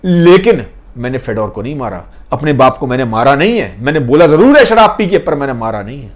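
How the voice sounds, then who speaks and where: A man's voice: medium pitch, big pitch swings, brisk, natural voice. A man voicing a desperate young man who insists he is innocent, pleading and repeating his denials.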